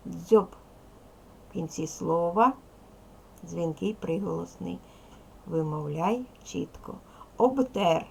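A primary school teacher gives a video language lesson to young children, carefully over-pronouncing sounds and addressing them with instructions and questions. Her voice is low, dark and husky, with vocal fry, and the recording quality is poor.

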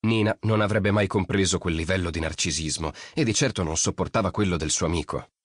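A man narrating an audiobook in an expressive storytelling reading. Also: low voice, fairly quick, husky, no room sound, studio quality. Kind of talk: scripted narration.

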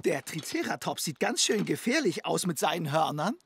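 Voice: medium pitch, sing-song, normal speed, vocal fry, fairly bright tone. An actor voicing a childlike, timid talking dump truck in a children's cartoon, with a hesitant, anxious way of talking. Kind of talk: animated children's series dialogue. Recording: music behind the voice.

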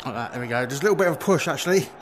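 A man giving relaxed, chatty running commentary on his own play in a VR cricket game, with quick exclamations. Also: mid-range voice. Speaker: gaming video creator. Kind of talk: live commentary while playing a VR cricket game. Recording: steady background noise.

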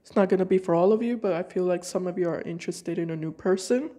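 A tarot reader with a cold talks through a reading for her viewers at a quick pace, in a dark voice on the low side. The talk is casual and thought out loud, with hesitant restarts, and it takes place in a home room where a decorated card table stands.

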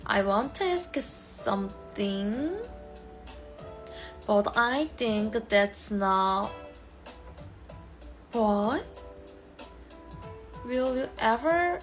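A young woman hosting a live stream, chatting playfully with viewers in a mix of her own language and halting English. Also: fairly high pitch, lively intonation, faint music behind. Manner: mixes Korean and halting English, playful and bubbly. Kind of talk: casual live chat with viewers.

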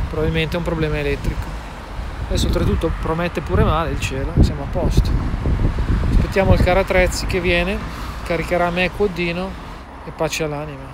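A man's voice: on the high side, steady tone, normal speed, pauses often. A man with a northern Italian accent giving a wry, sweary, exasperated vlog update to camera. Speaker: vlogger. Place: outdoors at a roadside. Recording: noisy outdoor roadside.

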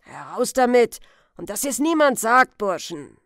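A woman voicing a gruff, wary old farmer who calls out loudly in a storybook reading. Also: fairly high pitch, big pitch swings, a little slow, dry recording, studio quality, heavily acted. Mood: gruff shouting. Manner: loud shouting. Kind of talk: audiobook character reading.

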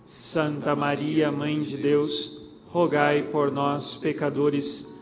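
A man with a Brazilian Portuguese accent leading a recited rosary prayer in a steady chant. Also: on the high side, very slow. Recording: long reverb with background music.

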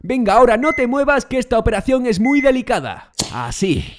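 A man hosting comic VR gameplay as a mad doctor, theatrical and loud, sometimes breaking into goofy songs. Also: very high-pitched, fast. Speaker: VR gaming host playing a doctor. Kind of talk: comic gameplay role-play. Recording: music playing behind.

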